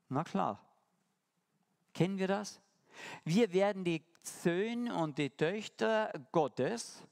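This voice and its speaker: Lively German-speaking preacher, slightly high voice. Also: male voice. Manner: lively, shifting between quick asides and slow emphatic lines; addresses the congregation directly with rhetorical questions. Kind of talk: sermon.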